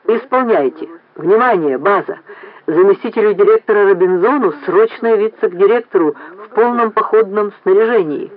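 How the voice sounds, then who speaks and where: A man playing a young base director who gives brisk, curt orders. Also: sits high, close to an everyday voice. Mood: commanding. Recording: tinny phone-like lo-fi recording.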